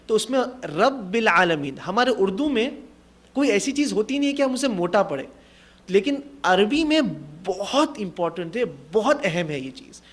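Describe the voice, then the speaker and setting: A man teaching Quran recitation in a tajweed class, encouraging his students and demonstrating the verses in a slow, drawn-out chant. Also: high voice, expressive. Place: classroom in Jeddah.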